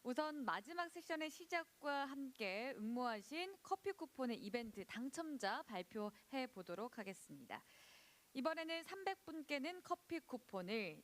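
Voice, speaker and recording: A woman hosting a live event in a scripted, announcer-like style, presenting like a prize draw host. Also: a little high. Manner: announcer-like, drawn-out suspenseful prize reveals. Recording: loud music under the voice. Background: loud music.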